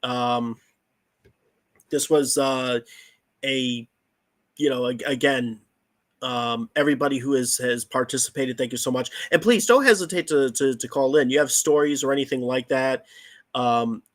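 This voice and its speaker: A male podcast host wrapping up an episode. He talks casually and haltingly, repeating words and leaning on fillers, in a mid-range voice. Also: medium pitch, fairly bright tone. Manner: halting, many restarts and fillers. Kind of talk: casual show sign-off.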